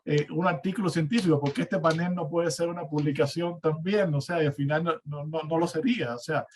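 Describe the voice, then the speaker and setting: A Cuban man, an academic panelist and university teacher, speaks in a spontaneous discussion during a remote online seminar. His voice is on the high side, a little mellow, with fairly even intonation and a fairly quick pace, and he hesitates and repeats words as he reasons through ideas.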